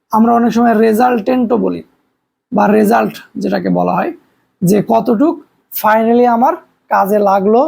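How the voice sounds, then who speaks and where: Gravelly-voiced man teaching physics. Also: very high-pitched, darkish tone. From Bangladesh. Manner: explains step by step with everyday examples and rhetorical questions. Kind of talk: recorded classroom lecture.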